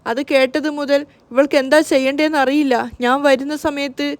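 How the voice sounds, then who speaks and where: A woman voicing a grieving middle-aged mother who scolds and pleads through her distress, speaking slowly. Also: high-pitched, flat delivery, dry recording, close to an everyday voice. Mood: anguished. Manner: slow, anguished scolding.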